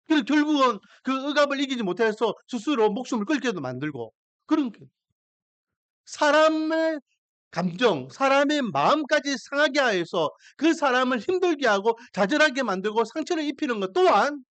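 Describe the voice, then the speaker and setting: Male pastor preaching; emphatic, animated pitch, dry close sound, keeps asking the congregation questions. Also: normal speed, dry recording. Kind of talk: sermon.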